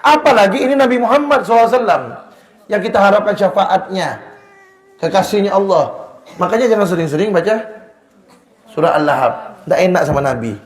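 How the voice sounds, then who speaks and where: A man teaching an Islamic study sermon in a lively way, booming at some points and dropping to a hush at others. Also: a little fast, pauses often, reverberant. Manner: animated, shifts between loud emphasis and hushed low lines. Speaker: religious teacher. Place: Islamic boarding school hall.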